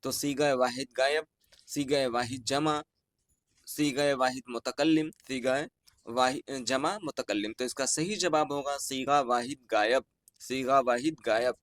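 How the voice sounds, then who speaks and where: A man with an Urdu-inflected Hindustani accent from Bihar, teaching online as he goes through an exam answer key, reading each question and its options slowly and then repeating the correct answer. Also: mid-range voice, steady tone.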